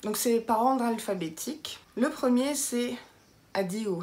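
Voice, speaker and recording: A woman's voice: on the high side, a little slow. A young woman from southwest France, with a light southwestern French accent, chatting playfully to camera as a vlogger. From southwest France (Béarn). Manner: chatty, playful, lively asides. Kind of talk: casual chat to camera.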